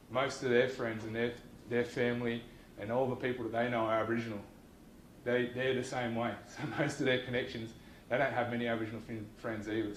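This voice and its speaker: A young Australian man giving an informal university lecture, talking in a relaxed and conversational way with many ums and restarts. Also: mid-range voice, roomy sound, a little hiss or hum, poor audio. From New South Wales, Australia. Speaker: guest lecturer.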